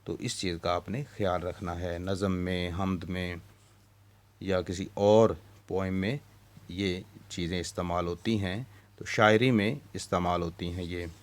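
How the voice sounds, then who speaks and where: A man with a Pakistani Urdu accent teaches a children's lesson in a very deep voice. He speaks slowly, reciting a poem line by line and then spelling out each vowel mark with patient care. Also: steady tone. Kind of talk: slow spoken lesson for young children.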